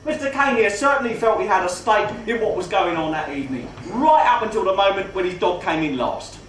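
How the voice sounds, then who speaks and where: Man playing a high-voiced mock-posh gangster compère. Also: lively intonation, a bit bright. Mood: mock-genteel patter. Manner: mock-posh grandiloquence, drawn-out emphasis, repeats phrases. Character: cockney gangster compère, mock-genteel, wheedling and faintly menacing. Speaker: burlesque show compère in comedy double act. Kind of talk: live comedy patter addressed to audience. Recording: roomy live venue, distant mic, faint noise.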